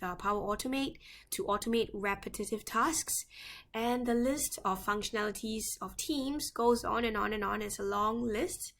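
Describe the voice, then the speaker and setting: A woman presenting a software tutorial, her voice a little off as it recovers, explaining steps and often checking in with "right?". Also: mid-range voice. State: voice recovering from loss, slightly off. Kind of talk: screen-share software tutorial.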